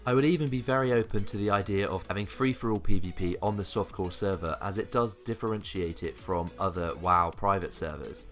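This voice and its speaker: A man with a low-pitched voice narrates a countdown list for a gaming video. He sounds keen and hopeful as he comments on each item. Soft music plays behind his voice-over. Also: fairly quick, hardly any pauses. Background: background music.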